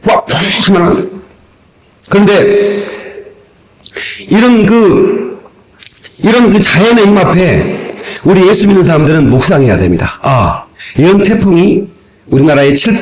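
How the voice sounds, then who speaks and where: A male pastor delivers a sermon from an old cassette tape recording, his voice sitting a bit high for a man. He preaches in an animated way, with a lively, swinging pitch that jumps between quiet asides and raised, shouted lines. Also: rough recording. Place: church sanctuary.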